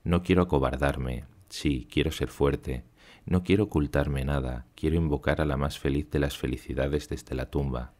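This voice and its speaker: Very deep-voiced man reading solemnly. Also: fairly even intonation, darkish tone. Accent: Spain Spanish. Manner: solemn, measured, lyrical reading. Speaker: audiobook reader. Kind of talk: literary audiobook narration.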